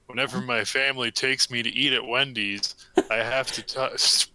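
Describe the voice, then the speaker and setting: A young man reading a comic story aloud to friends in a deadpan way, with a close mic. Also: medium pitch, normal speed, dry recording, low-quality recording. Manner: deadpan reading, breaking into laughter.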